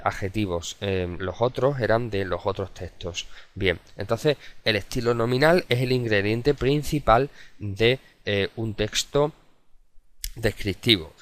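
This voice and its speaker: Man, teacher, lowish voice, video tutorial lesson, methodical, hesitant fillers. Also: a bit bright, clear, resonant tone. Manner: methodical and explanatory, with frequent hesitation sounds. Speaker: adult education teacher.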